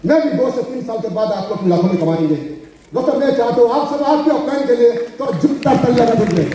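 Heard from afar through a handheld mic in an echoey auditorium, with a crowd in the background, a middle-aged Odia-accented man gives a rousing motivational speech at a business seminar. He blends Hindi and English, calls for applause, and speaks fast with an extremely high pitch, lively intonation and warm tone. There is a little hiss or hum.

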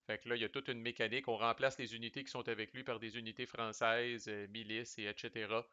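Bright-voiced Québécois man explaining a board game. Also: medium pitch, flat delivery, fast talker, clean tone, no room sound, dull audio. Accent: Québécois French. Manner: chatty, loose, sprinkles English game terms and salty slang. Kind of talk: casual explanatory commentary.

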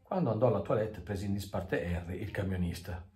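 Low mellow guy reading a story out, roomy echo, quiet music under it. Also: expressive, fairly quick. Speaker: audiobook reader. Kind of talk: scripted narration. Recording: echoey room with faint music.

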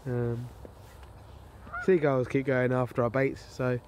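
This fishing vlogger has a darkish mid-range voice and a level tone, chatting slowly and in a low-key, casual way to the camera. He's outdoors on a lakeside bank, and the camera audio clearly captures the surrounding outdoor ambience.

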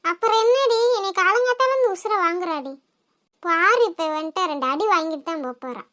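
A woman's voice: very high voice, a little fast, pushed and bright, muffled recording. A woman with a Kanyakumari Tamil accent voicing a short-tempered village mother who scolds her child. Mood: exasperated. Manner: scolding, exasperated.

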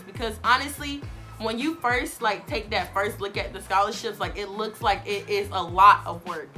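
Sitting on her bed, a young college-student vlogger offers casual advice to camera in a bright, forceful, mid-range voice. She's recovering from a cold and slightly sniffly, yet chatty and encouraging, addressing viewers as "you guys."

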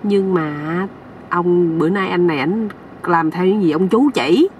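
A woman's voice: fairly low pitch, a little slow, darkish tone, distant mic, a little hiss or hum. A woman with a Southern Vietnamese accent hosting her channel, telling a folksy comic story to viewers. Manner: chatty, folksy, addressing viewers.

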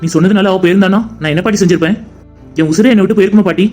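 A performer voicing a young husband in a cartoon, bantering quickly with his grandmother. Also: sits high, darkish tone, faint music behind, close to an everyday voice. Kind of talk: cartoon voice acting.

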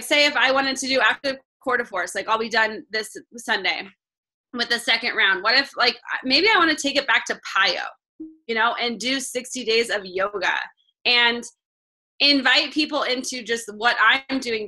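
A woman's voice: a little high, sharp tone, rough recording. A woman fitness coach chatting casually and encouragingly, with lots of fillers. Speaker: fitness coach on a team call.

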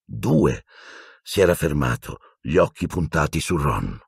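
Low husky male audiobook narrator. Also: moderate pace, dry recording, studio quality. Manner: expressive reading, voices each character. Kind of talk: storybook narration.

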